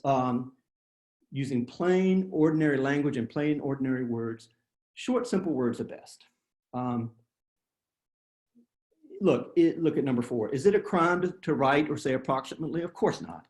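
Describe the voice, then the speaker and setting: Man presenting a webinar, mid-pitched, plain-spoken, echoey room. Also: a little mellow. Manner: plain-spoken, self-deprecating, with many fillers and restarts. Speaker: presenter of a writing workshop. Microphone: video call.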